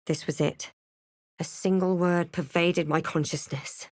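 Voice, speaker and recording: A self-possessed young fantasy adventurer, played by a woman for a video game. Her delivery is wry and measured, with a touch of drama, in a very dry, close recording. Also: fairly low pitch, steady tone, darkish tone, no room sound, lightly acted. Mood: solemn narrating. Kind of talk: scripted game voice lines, narration and spell incantations.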